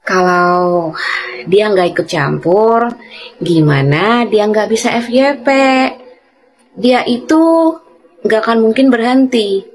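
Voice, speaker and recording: A woman giving commentary to her viewers, deliberate with emphatic pauses. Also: mid-range voice.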